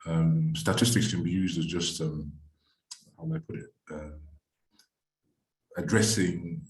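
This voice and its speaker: Deep-voiced male moderator, echoey room. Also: unhurried. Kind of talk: webinar moderation.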